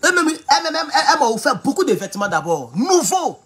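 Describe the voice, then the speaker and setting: A man with an Ivorian French accent, speaking loudly and mockingly in a rambling live stream from his home, talking straight into his phone with no external mic. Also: very high voice, big pitch swings, fast talker, faint music behind. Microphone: phone without external mic.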